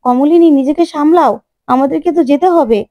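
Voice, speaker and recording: A woman's voice: high-pitched, a little fast, no echo, highs cut off, pitched above the performer's own voice, natural voice. Woman voicing a firm urgent stepfather.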